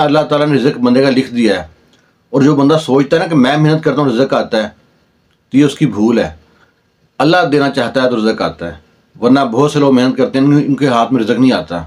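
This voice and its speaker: A man's voice: mid-range voice, a little mellow. A man with a Pakistani Urdu accent telling a long village story in a conversational way, briefly voicing the people in it. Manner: conversational, acts out dialogue in the telling. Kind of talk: oral storytelling.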